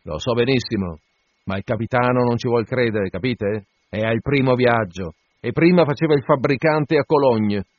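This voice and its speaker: A man's voice: medium pitch, normal speed, no room sound, close to an everyday voice. A man doing a grumpy ship's mate. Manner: curt, sullen replies. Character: grumpy foreign ship's mate, sullen and irritable. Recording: dull lo-fi dry recording.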